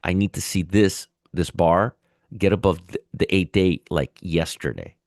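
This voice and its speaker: A man's voice: low-pitched, fairly even intonation, normal speed, darkish tone, no room sound, studio quality. A man hosting a live market commentary show, feeling sick with a sore throat, explaining conversationally and repeating his points. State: under the weather, sore throat. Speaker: host of a live pre-market trading show.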